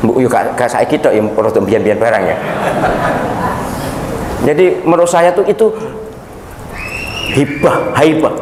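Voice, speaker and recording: A Javanese-accented male preacher delivers a sermon in a relaxed, folksy way, dropping casual asides as he goes. His pitch sits in the middle for a man. The recording is roomy with a long hall echo and faint background ambience. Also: slight background noise. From Java. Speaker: Islamic preacher.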